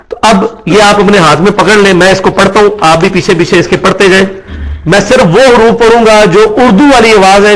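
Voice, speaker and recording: A man giving a classroom lecture as a religious teacher, explaining patiently and often checking in with his listeners. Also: sits high. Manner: mixes English words into his speech.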